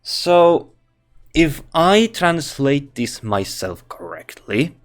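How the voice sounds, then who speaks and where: A Finnish-accented man reviews a game in English, his second language, speaking slowly and haltingly. His voice is a little high and sing-song, and he often restarts sentences and thinks aloud. The commentary is casual, with faint music behind him.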